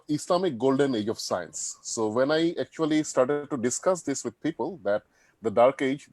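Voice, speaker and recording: A man's voice: medium pitch, a little mellow, dry recording. A man from Bangladesh, hesitantly asking a question in an online interview. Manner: hesitant, searching for words. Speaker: audience member asking a question.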